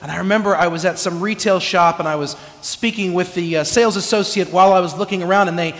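Talking fast in a high, fairly bright voice with fairly even intonation, a preacher from California gives a humorous, self-deprecating, chatty sermon, often restarting his phrases. The recording carries echoey hall reverb from the church sanctuary.

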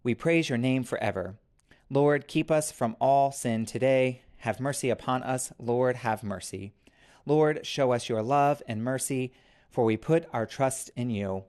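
A man officiating a church service, reading scripture and reciting prayers in a measured, formal way. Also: medium pitch, a little mellow.

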